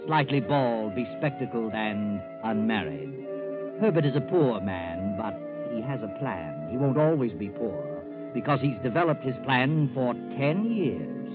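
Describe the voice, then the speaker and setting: Man playing the Whistler, ominous narrator over loud music. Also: medium pitch, narrow, tinny audio, lightly acted. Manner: theatrical, deliberate, knowing. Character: the Whistler, ominous all-knowing male storyteller of dark tales. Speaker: radio drama narrator. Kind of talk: 1940s radio suspense narration. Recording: scratchy 1940s radio, thin band, loud music.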